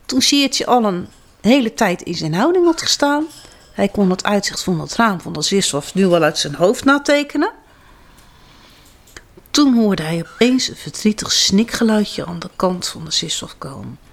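A woman reading a children's storybook aloud, in an expressive, sing-song manner. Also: medium pitch, moderate pace.

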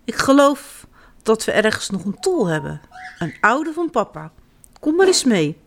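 A woman voicing a firm but caring mother in a children's story, scolding in a high raised voice. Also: sing-song, measured pace, creaky, a bit bright, slight background noise, heavily acted. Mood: kindly.

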